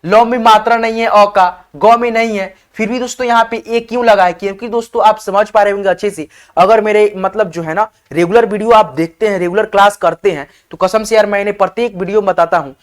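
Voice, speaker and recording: A man teaching an online spelling lesson, slowly spelling words out letter by letter and often checking in with his viewers as friends. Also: high voice, fairly even intonation. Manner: often says "okay, friends". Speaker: English teacher.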